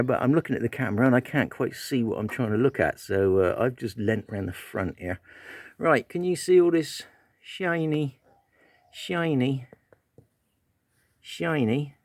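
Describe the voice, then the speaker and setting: A man walks through a bike repair in an easy, chatty way, often muttering to himself as he works. His voice sits at an ordinary middle pitch, and the sound is close and dry with no room echo. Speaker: motorbike vlogger. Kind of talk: casual workshop how-to.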